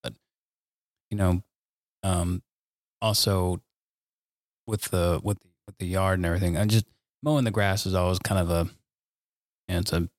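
A man with a very low voice chats casually on a podcast. He rambles through playful family stories with lots of fillers. The dry, close recording leaves no room sound at all. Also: steady tone, moderate pace, long pauses, no echo. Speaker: podcast co-host.

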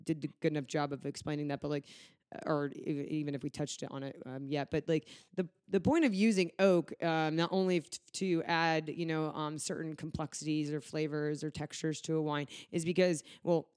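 A man's voice: on the high side, level tone, fairly quick, darkish tone, clear, resonant tone, dry recording. Chatty man with a dry close sound. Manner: rambling, joking asides. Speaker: podcast co-host. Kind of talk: casual chat.

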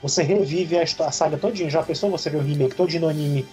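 A man's voice: fairly high pitch, racing, over music. A man with a Brazilian Portuguese accent hosting a casual podcast discussion in a rambling way, often seeking agreement. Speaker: podcast host.

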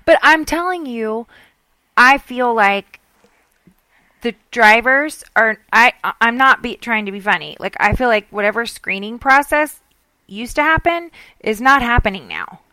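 Southern lady chatting, bit high and bright, dry close sound, does all the voices in her stories. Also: a little slow, no echo. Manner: animated, mimics people in her stories. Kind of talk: casual storytelling chat.

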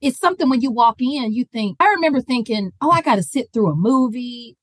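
Effusive Georgia woman, higher-pitched voice. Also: animated, fairly quick, husky, dry recording, clean studio sound. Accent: Georgia Southern. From Georgia, USA. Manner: effusive, emphatic. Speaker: podcast guest, horticulturist. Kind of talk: casual chat.

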